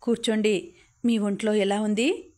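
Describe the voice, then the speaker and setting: A woman voicing a grieving young woman, a devoted older sister who pleads softly, in an audiobook reading. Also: medium pitch, level tone, unhurried, natural voice. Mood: sad pleading.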